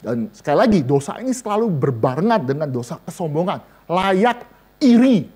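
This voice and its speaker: Lively, joking male preacher. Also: fairly high pitch, normal speed, breathy edge. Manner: lively, joking, addresses listeners directly. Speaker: vicar preaching to a women's and seniors' Bible study. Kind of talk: sermon.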